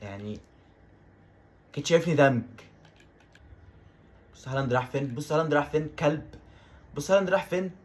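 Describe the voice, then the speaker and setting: A man with an Egyptian Arabic accent giving excitable let's-play commentary on a football video game, repeating his exclamations over and over. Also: a little high, quick pace, long pauses. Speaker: gaming YouTuber.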